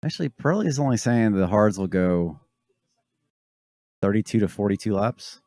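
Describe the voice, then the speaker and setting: A man's voice: lowish voice, animated, normal speed, mellow, no room sound, studio quality. A man co-hosting a casual race-watching chat, blunt and sardonic, swearing now and then. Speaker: podcast co-host.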